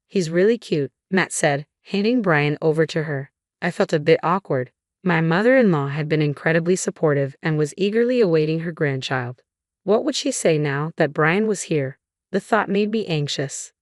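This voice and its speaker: Low-voiced woman narrating a drama story. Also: no room sound, clean studio sound. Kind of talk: scripted first-person story narration.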